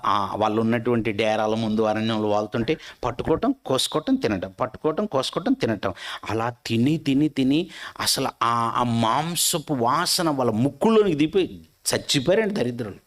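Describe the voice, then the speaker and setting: A man giving a sermon, retelling a Bible story with many rhetorical questions, rising to loud exclaiming peaks and dropping to low, quiet storytelling. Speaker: preacher.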